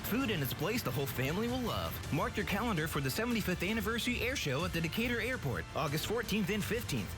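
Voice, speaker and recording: Male promo announcer, chipper and punchy, very animated read over a prominent music bed. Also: a little high. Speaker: commercial announcer. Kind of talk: upbeat scripted air show advertisement.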